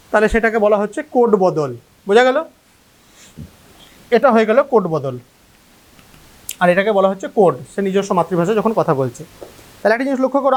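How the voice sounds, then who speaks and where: A teacher from gives an online class lecture. The teacher explains step by step, asks checking questions, and acts out how students talk. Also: medium pitch. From Malda, West Bengal. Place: local cable TV class recording.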